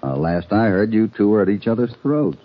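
An actor playing the calm, dry-witted cowboy hero Hopalong Cassidy in an old radio drama. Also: male voice, fairly low pitch, a little fast. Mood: probing. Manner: easygoing, probing. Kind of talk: 1940s radio acting. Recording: dull lo-fi old radio recording.

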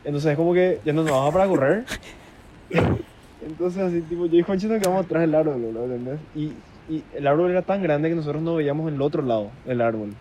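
A man's voice: a little high, fast talker, dark tone, slight background noise. A man with a Rioplatense Spanish accent telling a story casually, slangy and checking with the others.

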